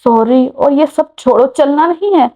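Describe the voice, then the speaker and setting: A woman's voice: high voice, unhurried, dark tone, voice pushed up. A woman voicing an easygoing, untidy young man in a romance story. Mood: casual. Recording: muffled lo-fi recording.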